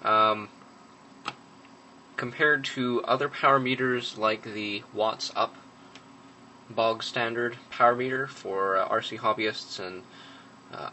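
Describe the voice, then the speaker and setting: A man's voice: mid-range voice, lively intonation, takes it slowly, pauses often, bright, forceful tone, a little hiss or hum, low-quality recording. A young man giving a casual hands-on review of a gadget at a workbench, matter-of-fact, with frequent ums and uhs. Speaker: product reviewer.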